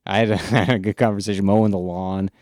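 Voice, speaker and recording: A laid-back man with a fairly low, smooth and resonant voice, recorded dry and close in a home studio. He rambles casually, full of fillers and swearing, as he chats with his live-stream viewers. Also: level tone, rapid-fire, darkish tone, no room sound. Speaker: music streamer.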